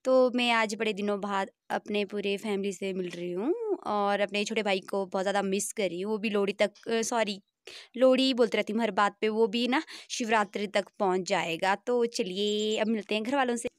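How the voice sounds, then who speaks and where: A woman's voice: mid-range voice, normal speed, no room sound, studio quality. A young woman with a Himachali accent, chatting in a rambling, self-correcting way as she films a casual home vlog on her phone. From Himachal Pradesh, India. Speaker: family vlogger.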